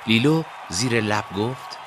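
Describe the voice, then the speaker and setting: A man narrating a story in an expressive storybook reading. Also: mid-range voice, crowd noise, noisy background.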